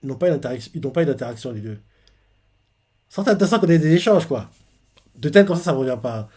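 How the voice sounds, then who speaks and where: A young man recapping and reacting live to a manga chapter, lively and laughing, with many hesitations as he narrates scenes. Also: on the high side, fast talker, slightly rough.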